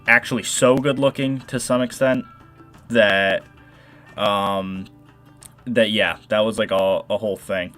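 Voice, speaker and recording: A man's voice: lowish voice, fairly bright tone. A young man with a nasal voice hosting a modding livestream, chatting and rambling as he explains his work. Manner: rambling, chatty, reads and answers chat. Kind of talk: casual livestream tutorial.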